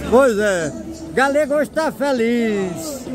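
A man's voice: extremely high pitch, lively intonation, slow pace, over a noisy crowd. A man with a Northeastern Brazilian accent giving casual, jovial, teasing commentary in short repeated exclamations. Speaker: vlogger touring a street market. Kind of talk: casual spontaneous market commentary. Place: outdoor street market. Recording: busy outdoor market with music and traffic.

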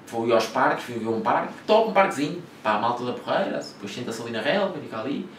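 A young Portuguese vlogger with a Lisbon slang accent rambles through travel stories in a mid-range voice, fast and with lively intonation, swearing and using fillers throughout. The room is echoey, the mic sits at a distance, and there's slight background noise.

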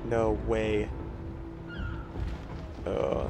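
A man playing a horror game on his channel, murmuring slowly to his viewers and breaking into startled exclamations. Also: on the low side, monotone, over music. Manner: exclaiming, easily spooked. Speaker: gaming YouTuber. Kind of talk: let's play commentary.

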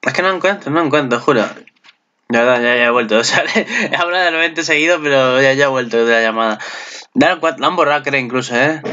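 A man with a Spain Spanish accent giving excited reaction commentary, gushing, swearing and squealing in delight. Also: mid-range voice, fast talker, highs cut off. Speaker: anime reaction channel host.

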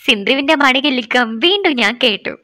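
A woman narrating a story in the first person, in a steady and measured way. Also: sits high, no echo.

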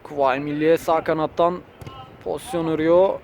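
A male football commentator with a fairly high-pitched voice calls a match live. He names players and moves in short, clipped bursts, lifting his voice when shots come. Faint outdoor noise sits behind him. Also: moderate pace. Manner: raises his voice excitedly at shots and goals.

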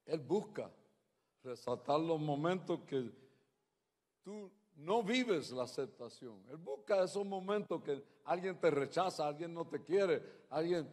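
High-pitched preacher man in a reverberant hall. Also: animated, a little slow. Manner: swings from loud preaching to quiet storytelling. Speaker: pastor. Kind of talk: sermon with stories. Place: large church hall.

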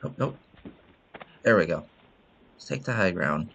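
A man's voice: deep voice, animated, measured pace, gravelly, fairly bright tone. A man hosting a casual let's-play of his game, talking in a playful, joking way with frequent self-amused asides. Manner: playful, jokey, sings and laughs at himself. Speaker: gaming channel host. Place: indoors at home by a window.

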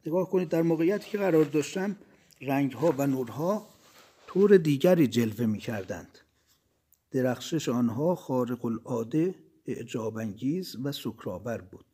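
A man reading as a calm engineer recalling death. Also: medium pitch, husky. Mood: reflective. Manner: measured, reflective storytelling. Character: dead male engineer recounting leaving his body, calm.

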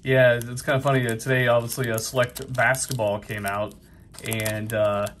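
A man's voice: mid-range voice, flat delivery, moderate pace, fairly bright tone, a little hiss or hum. Chatty New England man opening card packs. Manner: chatty, many fillers, upbeat. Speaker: card collecting vlogger. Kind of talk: casual pack-opening commentary. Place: busy convention hall.

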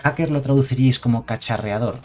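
A man's voice: medium pitch, fast, soft background music. A man with a Spain Spanish accent giving chatty, digressive live-stream commentary on game cards and reading chat aloud.

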